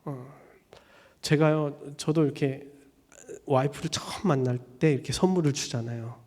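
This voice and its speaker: A man gives a Sunday sermon as pastor, talking casually with plenty of fillers. He acts out quick exchanges with lively energy in a high voice. His words ring out with a long reverb in a church sanctuary. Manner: animated storytelling, acting out little dialogues; casual conversational preaching with many fillers.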